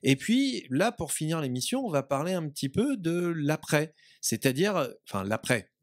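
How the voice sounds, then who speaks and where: Male host for a small hospital radio talk show, halting delivery, dry booth. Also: a little high, very animated, no echo. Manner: hesitant, repeats words while steering talk.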